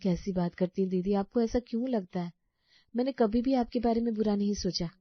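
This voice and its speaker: Woman voicing a gentle, pleading young daughter-in-law. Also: medium pitch, fairly even intonation, a little fast, no echo, close to an everyday voice. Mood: hurt. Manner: pleading, polite. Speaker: voice actor. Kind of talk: cartoon story voice acting. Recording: dry, slightly dull audio.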